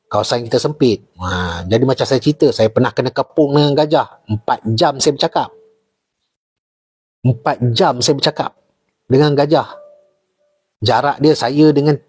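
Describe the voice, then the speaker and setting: A man's voice: mid-range voice, husky. A middle-aged man with a Malaysian Malay accent, a former army officer telling stories in casual chat, repeating key points and asking his listeners questions. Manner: animated storyteller, repeats key points, asks the audience rhetorical questions. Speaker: retired army officer guest.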